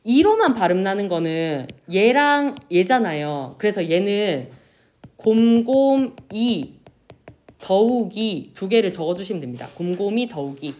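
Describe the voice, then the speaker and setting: Lady teacher walking a class thru spelling rules, pitch bouncing all over, stretches out example words. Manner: lively, pronounces example words slowly and drawn out; asks the class questions and answers them herself. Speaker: Korean language teacher. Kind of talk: classroom lecture.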